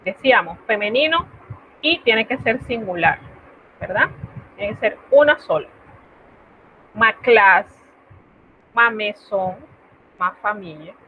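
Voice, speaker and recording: Speaking slowly with long pauses, a woman in an online class explains French patiently in Spanish and checks in with her students, her mid-range voice expressive. She has a Latin American Spanish accent, and the video-call audio sounds tinny and phone-like with faint noise.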